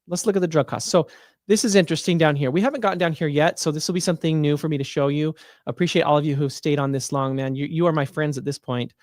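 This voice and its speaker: A man's voice: on the high side, steady tone, quick pace, darkish tone, no echo. Chatty male livestream host, dry sound. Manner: chatty, thinks aloud with frequent fillers and restarts. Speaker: Medicare plan advisor hosting a livestream. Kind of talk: casual livestream walkthrough.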